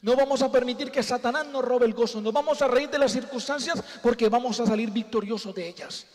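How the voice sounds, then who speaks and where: A man with a strikingly high voice delivers a humorous sermon, mixing jokes and stories with preacherly appeals to the congregation. His voice rings with the long reverb of a church hall. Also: a little fast, darkish tone. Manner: jokey, preacherly, addresses the congregation as brothers. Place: church sanctuary.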